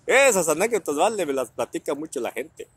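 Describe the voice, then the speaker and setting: A man's voice: fairly high pitch, very animated, a little fast, slightly rough. A man from Guerrero with a Mexican Spanish accent, telling family anecdotes in a casual way with crude slang and frequent laughs. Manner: laughing often, crude slang, acts out voices. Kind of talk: casual storytelling.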